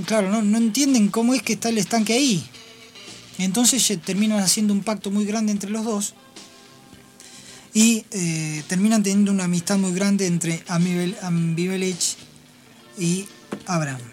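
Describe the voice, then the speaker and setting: A woman hosting a radio program, retelling Bible passages in an explanatory, storytelling way with pauses and restarts. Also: medium pitch, darkish tone. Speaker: radio host. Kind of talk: radio talk on Bible stories.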